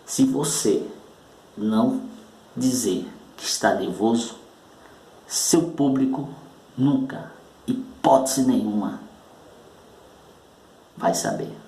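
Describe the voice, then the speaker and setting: A man teaching a public speaking lesson, speaking slowly and emphatically and leaning hard on stressed syllables. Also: medium pitch, vocal fry, darkish tone, echoey room, low-quality recording. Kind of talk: recorded oratory lesson.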